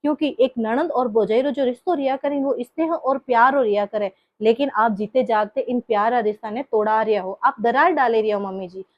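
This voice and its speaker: A woman's voice: on the high side, a little fast, few pauses, muffled recording, natural voice. A woman with a Marwari accent playing a hurt young daughter-in-law who earnestly reproaches her mother-in-law. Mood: reproachful. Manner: earnest, lecturing, emotional.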